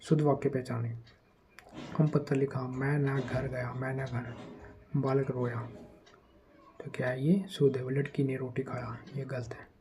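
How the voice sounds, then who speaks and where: A man teaching an exam-prep grammar lesson in a conversational way. He reads the test sentences slowly and speeds up when he warns about common traps. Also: medium pitch, flat delivery, background noise.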